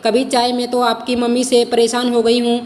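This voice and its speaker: A woman voicing a sharp-tongued daughter-in-law. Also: on the high side, completely flat delivery, moderate pace, in a large hall, close to an everyday voice. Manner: sharp, scolding. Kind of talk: storybook role reading.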